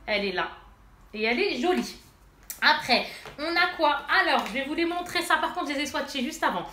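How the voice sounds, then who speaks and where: A woman's voice: sits high, expressive, brisk, bright, forceful tone. Chatty woman vlogger, stuffy nose. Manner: chatty, addresses viewers directly, many fillers. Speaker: beauty vlogger. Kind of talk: casual haul and swatch demo. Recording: echoey room, faint noise.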